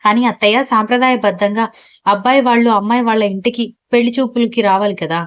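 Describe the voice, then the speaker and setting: A woman narrator voicing a polite, gently teasing young wife and daughter-in-law in an audio story. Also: a little high, fairly even intonation, quick pace, smooth, dry recording, dull audio, natural voice. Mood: gentle.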